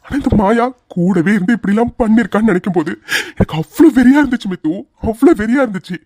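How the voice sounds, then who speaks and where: A man's voice: sits high, lively intonation, fast, darkish tone, no echo. A man voicing a fiery, protective cartoon hero. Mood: raging. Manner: fiery, rough-spoken, breaks into sobs. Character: fierce protective young hero, hot-tempered and loving. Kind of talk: cartoon voice dubbing.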